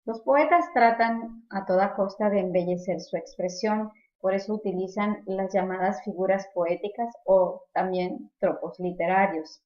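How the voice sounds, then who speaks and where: A woman's voice: medium pitch, fairly even intonation, measured pace, few pauses, a little mellow. A woman teacher explaining poetic devices and verse types in a lecture, often repeating a word while she finds the next one. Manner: explanatory, repeats words while searching for them. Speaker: literature teacher. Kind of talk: recorded lecture on poetry. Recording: echoey room, slightly dull sound.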